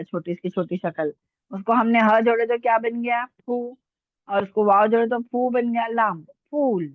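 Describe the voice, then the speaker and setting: A woman's voice: medium pitch, no echo. A woman teaching an Urdu lesson online, patiently sounding out letters and checking that her students follow. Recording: tinny phone-like dry sound.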